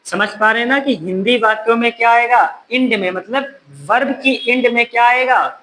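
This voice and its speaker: A man's voice: very high-pitched, moderate pace, slight background noise, rough recording. Male teacher drilling a class. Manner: repeats questions to the class, scolds students gently. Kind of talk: classroom grammar lesson. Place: classroom with students.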